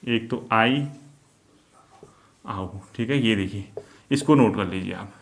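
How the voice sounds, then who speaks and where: A man teaching Hindi grammar for exams, who keeps saying "ठीक है", poses questions and answers them himself, and slows down to spell out vowel sounds. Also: medium pitch. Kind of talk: exam-prep lesson at a board.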